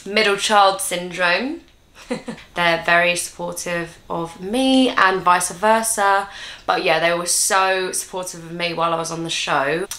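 Chatty young woman with a bright voice. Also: fairly low pitch. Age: 20s. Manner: rambling, chatty and self-mocking. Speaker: vlogger answering viewer questions. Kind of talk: casual Q&A chat to camera. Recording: roomy echo.

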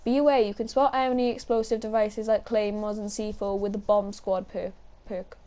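A woman's voice: medium pitch, little pitch movement, normal speed, mellow. A young woman giving casual gameplay commentary, swearing and ranting in frustration with sudden outbursts. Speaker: gaming YouTuber.

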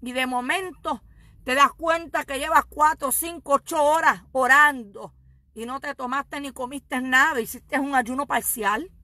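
A woman evangelist preaching a sermon, fervent and swinging between shouted exhortation and quiet asides. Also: sits high, fairly even intonation, unhurried, no room sound.

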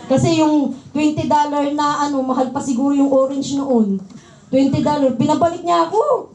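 A woman with a Filipino accent giving a church testimony, telling her story in a lively way with frequent laughter. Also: high voice, moderate pace, reverberant, poor audio. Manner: lively storytelling, laughing often, acting out quoted voices. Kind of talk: sermon with personal testimony.

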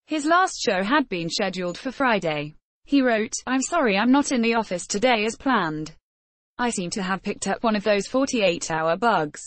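A woman delivers scripted news narration, reading a written article aloud. Her voice sits at an ordinary middle pitch for a woman. The sound is dry, with very little room around it. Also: no room sound.

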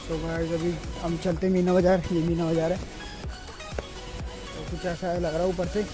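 Young male street vlogger, high voice, chatty and informal, phone mic, loud music and crowd behind. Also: flat delivery, measured pace. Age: young adult. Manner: chatty, addresses viewers directly. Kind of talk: casual street vlog. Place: busy city streets and market outdoors. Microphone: handheld phone camera at arm's length. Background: loud music, crowd and traffic.

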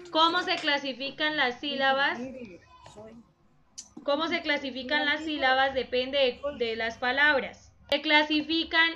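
A woman's voice: sits high, pushed and bright, muffled recording. A woman teaching a children's class, patiently explaining examples and prompting the pupils with questions. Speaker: primary school teacher.

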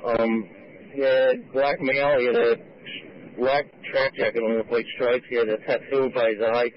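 Patrol officer on a police radio, male, mid-pitched, clipped calls through muffled, dry audio. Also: steady tone. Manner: clipped, halting radio reports with fillers. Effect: police radio transmission. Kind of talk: radio call reporting a pursuit.

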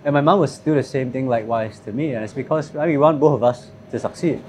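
A man in his thirties speaking in a thoughtful, measured way with fillers, interviewed at a restaurant table. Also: medium pitch, darkish tone, a little hiss or hum. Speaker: company CEO. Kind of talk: interview conversation.

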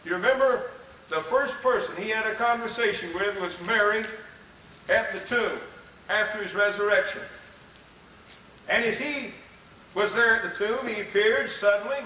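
A man preaching a fervent, folksy sermon with soft chuckles, recorded live in a hall on old videotape. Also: sits high, a little hiss or hum. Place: church or lecture hall. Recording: distant, roomy live VHS recording.

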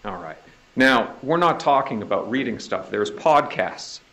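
A man's voice: mid-range voice, lively intonation, unhurried, sharp tone, rough recording. A man with a Boston accent cross-examining a witness in a courtroom, pressing her with leading questions that end in "right?". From Northeastern US. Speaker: prosecutor.

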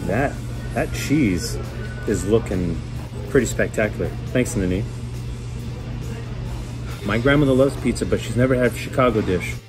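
A man's voice: fairly low pitch, a little slow, long pauses, over music. A man in his thirties hosting a casual food review in a restaurant, chatty and enthusiastic. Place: restaurant booth indoors.

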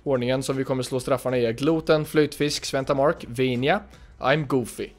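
A man with a Swedish accent commentating his own football video game match, shouting encouragement at his players and breaking into excited bursts. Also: medium pitch, soft background music. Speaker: gaming youtuber.

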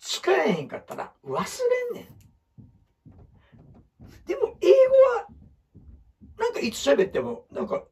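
Wildly animated man with Osaka accent. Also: extremely high pitch, a little slow, creaky, long pauses. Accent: Osaka Kansai dialect. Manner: blunt, rambling, acts out quotes in other voices. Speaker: photographer giving life advice. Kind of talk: casual talk with whiteboard explanations.

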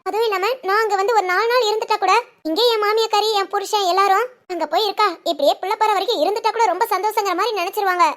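An anxious young pregnant wife from a cartoon family story, voiced by a woman. She talks fast and earnestly in a very high voice. Every line carries a pleading worry. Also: fairly even intonation, a bit bright. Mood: wistful. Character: young pregnant married daughter, anxious and put-upon. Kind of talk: cartoon family drama phone call.

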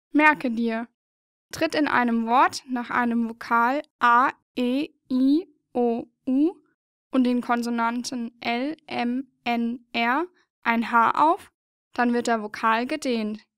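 Clear, slow-spoken woman teaching. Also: fairly high pitch, no room sound, clean studio sound. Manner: patient and explanatory, spells out letters one by one. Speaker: narrator of a learning video. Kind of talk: scripted educational narration.

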